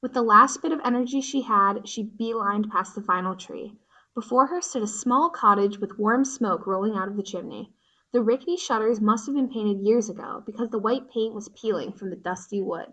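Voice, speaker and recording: A woman narrating a storybook in an expressive, descriptive reading. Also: medium pitch, moderate pace.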